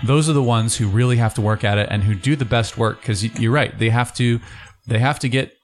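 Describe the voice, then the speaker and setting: A male podcast co-host giving his views in a measured way, often with short agreements. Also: mid-range voice, steady tone, faint music behind. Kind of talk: casual podcast conversation.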